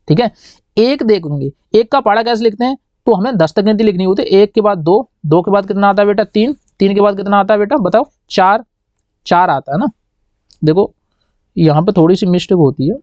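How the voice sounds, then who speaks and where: A man's voice: sits high, a little mellow, dry recording. A man teaching an online maths lesson to children, coaxing them along and quizzing them on what number comes next. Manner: coaxing, keeps asking kids "what comes next, beta?". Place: indoor teaching setup writing with a pen. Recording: dry, dull lo-fi sound.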